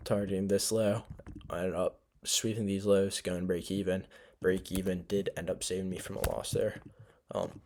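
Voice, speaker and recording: A man's voice: deep voice, flat delivery, moderate pace, darkish tone, a little hiss or hum. A sleepy young man casually recapping his trades, rambling with lots of fillers and self-corrections. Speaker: trading vlogger. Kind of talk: casual screen-share recap.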